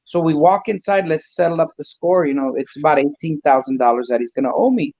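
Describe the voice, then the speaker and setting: A man's voice: on the high side, brisk, a little mellow, no room sound, dull audio. A man casually telling a long story on a talk show, mixing in a few Spanish words and acting out what other people said. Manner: rambling, acts out the people in his stories, drops Spanish words. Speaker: guest, custom truck builder.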